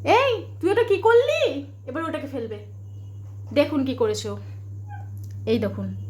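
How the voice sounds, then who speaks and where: A woman's voice: sits high, huge pitch swings, unhurried, a little mellow. A woman filming her pet parrots at home, talking to them in coaxing, sing-song baby talk. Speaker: pet vlogger. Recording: echoey room, faint noise.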